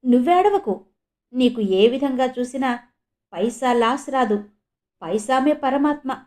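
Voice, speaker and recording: A woman's voice: sits high, lively intonation, unhurried, darkish tone. Woman reading as a proud earnest man. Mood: boastful. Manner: earnest, reflective monologue. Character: proud man who regained his walking.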